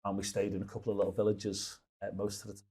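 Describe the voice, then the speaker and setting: Husky-voiced man telling rambling stories. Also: lowish voice, completely flat delivery, very fast, a little mellow. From Liverpool, England. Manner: rambling storytelling with frequent restarts. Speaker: guest. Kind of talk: casual conversational interview.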